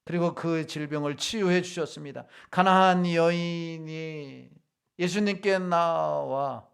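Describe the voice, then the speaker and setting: Male pastor, gravelly and higher-pitched; dramatic sermon, acts out quotes, big loud-soft swings. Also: takes it slowly. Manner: dramatic sermon delivery, acting out Bible quotes with sudden swings in loudness.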